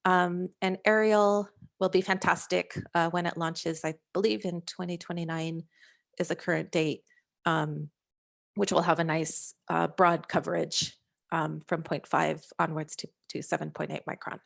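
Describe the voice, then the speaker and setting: A woman scientist presenting slides over a video call, talking in a halting way with frequent fillers and restarts. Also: fairly low pitch, level tone, vocal fry. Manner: hesitant, many fillers and restarts. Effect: heard over a video call. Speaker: scientist presenting a working-group overview.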